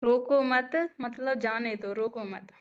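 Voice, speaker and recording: A woman's voice: a little high, steady tone, takes it slowly. A woman student in a class who answers the teacher by reading short sentences back from a distance. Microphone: far from the mic. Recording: distant, dull classroom recording.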